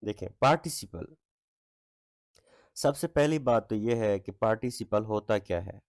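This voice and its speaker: A man teaching an English textbook lesson, reading example sentences slowly with stress and checking in with his students often. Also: lowish voice, lively intonation, no room sound, clean studio sound. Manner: reads English lines slowly with stress, asks "ठीक है?" often. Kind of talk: explaining a textbook exercise.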